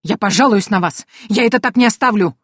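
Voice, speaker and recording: A woman voicing a cowardly, shrill male priest who shrieks and wails in panic, as an audiobook character. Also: a little fast, husky, no echo, studio quality, natural voice. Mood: indignant.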